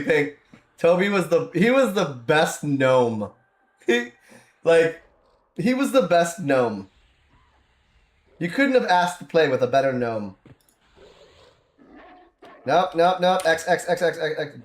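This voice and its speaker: A man's voice: a little high, expressive, takes it slowly, pauses often, echoey room. A man casually chatting while streaming a game, rambling and laughing often as he plays.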